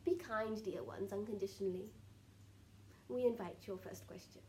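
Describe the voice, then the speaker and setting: A woman speaking as a seance medium in trance, giving solemn spiritual guidance in halting, repetitive, formally archaic phrases. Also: mid-range voice, mellow, a little hiss or hum. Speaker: trance channeller answering questions as a spirit collective.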